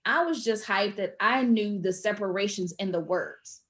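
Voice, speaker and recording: Lively woman telling stories casually. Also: mid-range voice, moderate pace. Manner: lively storyteller, acts out quoted voices. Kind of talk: casual chat. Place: abroad, in Portugal.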